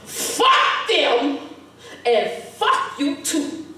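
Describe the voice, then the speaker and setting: A woman's voice: high voice, sing-song, extremely slow, bright, forceful tone, exaggerated voice. A woman actor playing a furious, foul-mouthed New woman, delivering a scornful stage monologue. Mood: cursing. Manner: profane, scornful, emphatic. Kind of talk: theatrical monologue. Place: theater stage. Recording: echoey stage from a distant mic.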